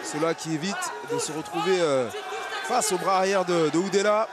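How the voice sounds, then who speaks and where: Man, fairly high voice, halting co-commentator, live fight analysis, noisy arena crowd. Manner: halting, piecemeal phrasing. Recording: loud crowd noise in arena. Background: noisy sports arena crowd.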